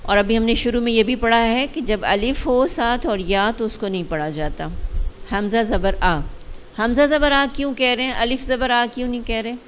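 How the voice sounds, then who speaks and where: A woman teaching a recitation lesson in a patient, drilling way. She says each syllable slowly and clearly, then explains points in quick asides. Faint noise sits under the voice. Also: fairly high pitch. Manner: drills letters slowly, explains quickly, checks with "theek hai?". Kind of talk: online lesson.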